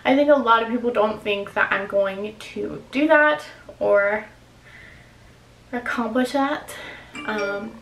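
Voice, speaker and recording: A woman's voice: medium pitch, vocal fry, a bit bright, reverberant, a little hiss or hum, rough recording. A woman in her twenties talks candidly to the camera in a casual vlog, filling her speech with "like" and "um". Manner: candid, confessional, filler-heavy. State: emotional, near tears. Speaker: vlogger.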